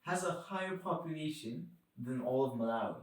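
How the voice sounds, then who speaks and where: A young man co-hosts a podcast in relaxed, slang-heavy chat. His voice sits in a middle pitch, and the room around him rings with noticeable echo. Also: fairly quick. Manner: slangy, laid-back, drops into quoted voices. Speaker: podcast co-host. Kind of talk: casual chat. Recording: echoey room.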